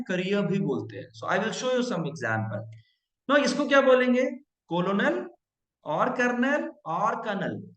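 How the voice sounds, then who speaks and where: A man's voice: sits high, fairly bright tone, roomy sound, low-quality recording. A middle-aged man giving a training lesson, explaining and demonstrating word pronunciations, mixing English phrases into his talk. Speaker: trainer and consultant.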